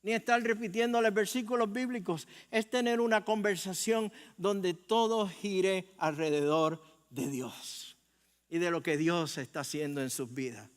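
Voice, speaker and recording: High-voiced older Puerto Rican pastor. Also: male voice, a bit bright, clean tone. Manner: conversational preaching with rhetorical questions and humor. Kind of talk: sermon. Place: church sanctuary. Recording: long church hall reverb.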